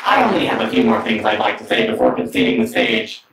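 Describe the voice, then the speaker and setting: A man performing standup as a smug male comedy robot, with a deadpan, mock-mechanical delivery and snide asides. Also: medium pitch, fast talker, crowd noise, noisy background. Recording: roomy sound from a distance.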